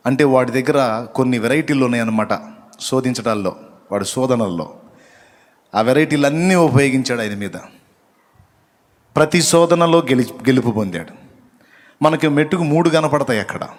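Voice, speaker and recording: A man preaching a sermon at an even middle pitch, reading scripture aloud and putting questions to the congregation. He repeats key phrases to drive them home. His voice rings out with the long reverb of a large hall. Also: normal speed, pauses often.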